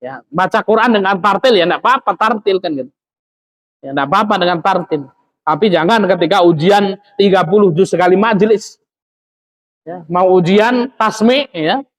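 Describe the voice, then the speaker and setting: A man's voice: sits high, moderate pace, poor audio. A man giving a religious study lecture as an Islamic teacher, talking in a conversational way with frequent tag fillers. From Lampung, Indonesia.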